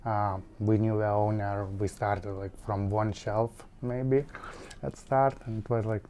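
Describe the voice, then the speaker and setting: A man with a Lithuanian accent, a shop owner, talking in a halting way with many fillers. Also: on the low side, flat delivery, mellow, a little hiss or hum. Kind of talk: documentary interview.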